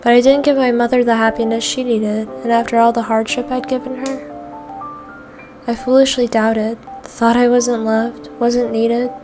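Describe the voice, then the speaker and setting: Woman voicing a young son, earnest and pleading, slightly high voice, faint music behind. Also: little pitch movement, normal speed, natural voice. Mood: remorseful. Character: young man, anxious grieving son. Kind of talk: reading game dialogue aloud.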